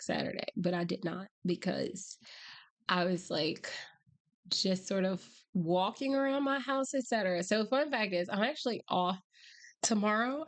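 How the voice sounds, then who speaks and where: A woman livestream host chatting casually and rambling wryly, her voice hoarse, strained and breaking from being sick. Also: medium pitch. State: hoarse, voice nearly lost from illness. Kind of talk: casual livestream chat with viewers.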